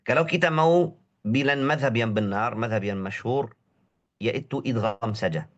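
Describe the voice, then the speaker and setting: A man with a cold teaches a tajweed class online, at an ordinary mid pitch. He stretches Arabic words out slowly to show how they sound and repeats short syllables for drilling. The audio is a little dull, as from an online class. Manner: drawls out Arabic words slowly to demonstrate pronunciation. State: has a cold. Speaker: Quran recitation teacher.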